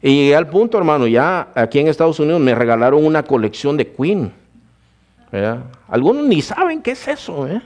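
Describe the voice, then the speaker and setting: A man's voice: a little high, very animated, fairly quick, a little mellow. A man preaching a sermon, telling his own testimony and calling his listeners brother. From Guatemala. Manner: addresses listeners as brother, storytelling.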